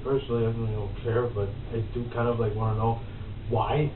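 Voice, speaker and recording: A man hosting a casual wrestling podcast, animated and quick to swear as he gets worked up. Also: mid-range voice. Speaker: podcast host. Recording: roomy, distant, phone-like, faint noise.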